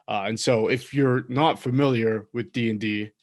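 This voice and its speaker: A man's voice: medium pitch, steady tone, moderate pace. A man co-hosting a podcast, chatting casually and thinking aloud with many fillers. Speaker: podcast co-host. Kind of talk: casual chat.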